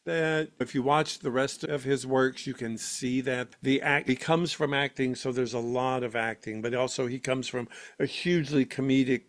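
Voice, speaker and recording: Enthusiastic stammering podcast co-host. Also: male voice, medium pitch, fairly even intonation, normal speed, hardly any pauses. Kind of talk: casual chat.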